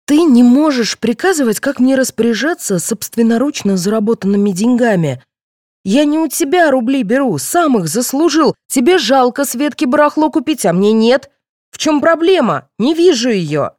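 A woman reading the part of a clever, cheeky teenage boy who calmly argues back. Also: on the high side, moderate pace, no echo, studio quality, voice pushed up. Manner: calm, reasoning, pert.

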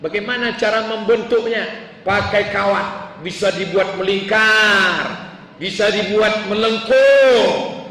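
A man preaching a humorous sermon, telling animated stories and acting out the dialogue. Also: high-pitched. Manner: storytelling, animated, acts out dialogue. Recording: echoey hall, distant mic, faint noise.

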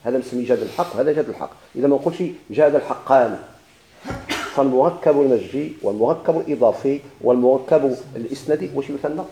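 A man's voice: mid-range voice, fast talker, mellow, echoey room, rough recording. A man with a Moroccan Arabic accent teaching a grammar lesson, asking questions and answering them himself with repeated examples.

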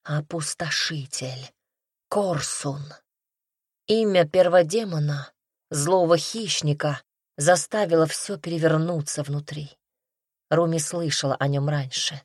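A woman reading fantasy prose as an audiobook narrator, in an even storytelling manner. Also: sits low, a little slow, dry recording, clean studio sound. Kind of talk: scripted narration.

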